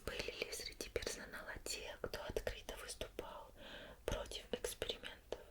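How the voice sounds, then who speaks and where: In this ASMR roleplay, a woman plays an interviewer. She poses each question gently and at an unhurried pace, keeping a formal, measured tone punctuated by pauses.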